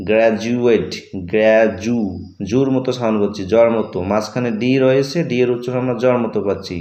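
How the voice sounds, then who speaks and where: A man with a Bengali accent teaching English pronunciation in an online lesson, explaining rules patiently and slowly repeating example words. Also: mid-range voice, a little mellow. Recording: echoey room, slightly dull lo-fi sound.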